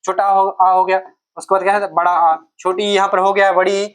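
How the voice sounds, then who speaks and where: A woman's voice: mid-range voice, level tone, brisk. A woman teaching a Hindi grammar lesson for exam preparation, explaining step by step, asking questions and answering them herself, and repeating key terms.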